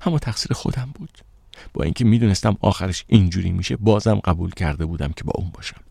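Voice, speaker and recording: A man narrating an audiobook in the first person with steady, measured storytelling. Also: deep voice, gravelly, husky, no room sound, studio quality.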